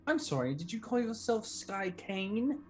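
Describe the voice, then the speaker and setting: A man's voice: high-pitched, very animated, unhurried. A man chatting casually and jokingly as a player in a tabletop role-playing game.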